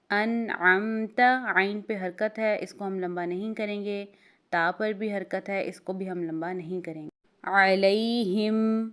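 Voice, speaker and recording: A woman teaching Tajweed, spelling out letters and vowel marks one by one and chanting verses slowly. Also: medium pitch. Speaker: Quran recitation teacher. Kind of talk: Tajweed lesson with slow recitation.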